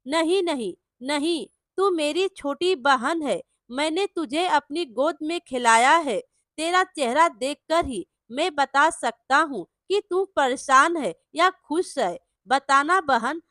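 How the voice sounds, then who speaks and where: A woman voicing a caring elder brother in a storybook tale, gently coaxing his sister to talk. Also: sits high, expressive, takes it slowly, no room sound, studio quality, full character voice. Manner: coaxing, concerned.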